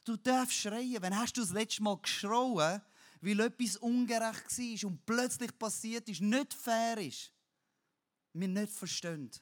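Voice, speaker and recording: A man preaching a sermon, swinging between loud emphatic cries and low, quiet passages, with some blunt everyday words. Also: a little slow. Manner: uses crude everyday words.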